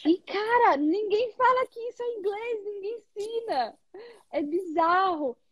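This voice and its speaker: A woman English teacher chatting casually with a student, explaining with lively examples and checking in often. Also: very high voice, unhurried, no echo. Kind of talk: casual interview chat.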